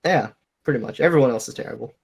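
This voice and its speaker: A man's voice: medium pitch, lively intonation, rapid-fire, gravelly, darkish tone, breathy edge. A man co-hosting a casual podcast, sarcastic and swearing freely. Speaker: podcast co-host and forum moderator.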